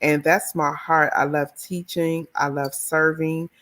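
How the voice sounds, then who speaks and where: Middle-aged woman from the dc area, chatty and expressive, a bit low-pitched. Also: a little slow. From Washington, D.C. area. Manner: expressive, animated storyteller. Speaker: author and educator. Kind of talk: interview storytelling.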